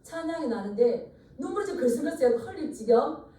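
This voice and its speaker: A woman's voice: high-pitched, expressive, a little fast, mellow. A woman pastor giving an earnest sermon, leading the congregation in repeated phrases. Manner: earnest preaching with call-and-response repetition. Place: church sanctuary. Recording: echoey church from far off.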